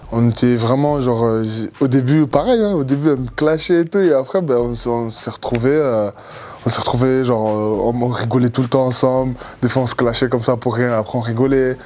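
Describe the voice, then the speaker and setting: A young man from Cameroon, a former reality show contestant, answering interview questions in a relaxed, rambling way with many fillers and repeated words. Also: mid-range voice, a little hiss or hum.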